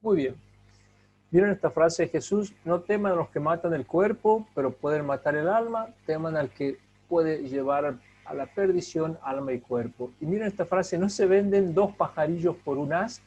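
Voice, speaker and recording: A man teaching a Bible lesson, emphatic, with rhetorical questions and drawn-out stressed words. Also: fairly high pitch, expressive, a little mellow, dull audio, slight background noise. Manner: asks the class to help read.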